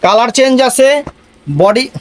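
Male online seller, high-pitched, emphatic repetitive live pitch. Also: expressive, unhurried, slight background noise.

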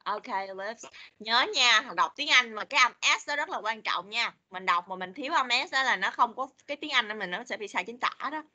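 A woman teaches an online English class over a video call. Her voice sits a little high and rings bright. She repeats each word slowly and patiently for the children to copy. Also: expressive. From Vietnam. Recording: video call meeting recording.

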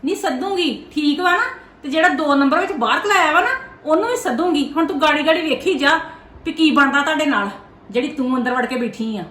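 A woman's voice: high voice, a little fast, a bit bright, reverberant, recorded from a distance. A woman playing a taunting, furious mother. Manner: taunting, threatening. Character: angry middle-aged mother defending her daughter. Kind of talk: acted family drama.

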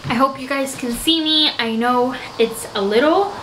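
A woman's voice: high-pitched, moderate pace, background noise. Chatty young woman vlogging at home. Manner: chatty, upbeat, filler-heavy. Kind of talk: casual vlog chat. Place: home living room and bedroom. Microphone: camera on tripod.

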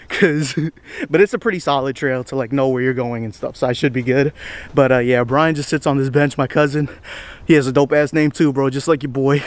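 Chatty young man vlogging on a trail. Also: a little high. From United States. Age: 20s. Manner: rambling, slangy, self-deprecating, says bro a lot. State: a little out of breath. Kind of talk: casual walking vlog. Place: outdoors on a wooded estate trail.

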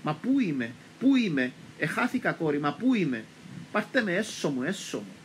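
A man's voice: fairly high pitch, sing-song, slight background noise, poor audio. A man voicing a confused old Cypriot grandmother. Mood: panicked. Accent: Cypriot Greek. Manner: insistent, scolding, pleading to go home.

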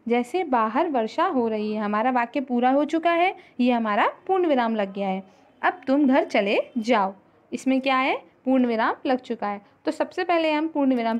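A high-voiced woman teaches a grammar lesson, patient and methodical. She repeats each point and checks in with her students. The recording sounds a little dull and lo-fi. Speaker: school teacher.

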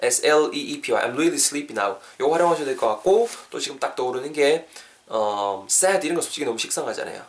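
A man teaching an English lesson in a video, upbeat and coaxing, spelling words out slowly. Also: mid-range voice, lively intonation.

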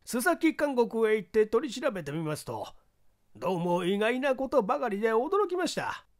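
A man's voice: very high voice, big pitch swings, normal speed, pitched above the performer's own voice. Man doing a stiff, deferential police sergeant. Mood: respectful. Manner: stiffly formal, polite report. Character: grey-bearded male police sergeant, deferential.

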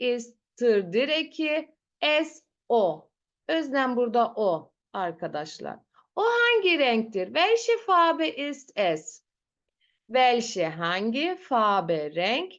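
Slow, patient woman teaching a class. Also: high voice, lo-fi sound. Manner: patient, repeats words slowly and drills pronunciation. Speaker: German teacher. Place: online class.

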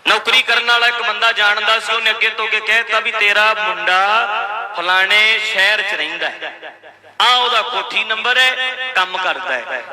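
A man's voice: high-pitched, bright, forceful tone, rough recording. A man preaching by telling a story, with quoted dialogue woven into his narration. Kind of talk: storytelling sermon.

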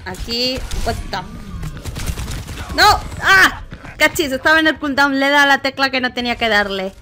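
A woman from Spain commenting casually on her own gameplay, chatting with viewers and crying out loudly when things go wrong. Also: high-pitched, lively intonation, moderate pace, soft background music. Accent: Spain Spanish. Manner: chatty, reacts loudly with exclamations and cries for help. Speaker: gaming streamer.

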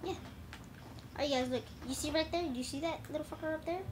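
Talking fast in a high-pitched voice with a darkish tone, a woman jokes around and swears casually as she plays a split-screen shooter on a TV. She laughs a lot, and the phone footage is recorded in a noisy room.

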